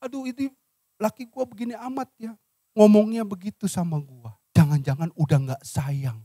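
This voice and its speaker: A man's voice: sits high, steady tone, normal speed, dark tone, husky, no echo, clean studio sound. A man voicing a hurt, anxious wife who frets over her husband in a plaintive mutter. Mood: hurt, worried.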